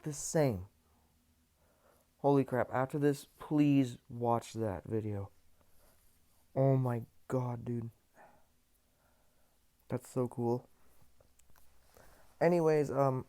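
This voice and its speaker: A young man hosting a casual reaction video, excitable and slangy, often repeating himself. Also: mid-range voice. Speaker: YouTube reaction host.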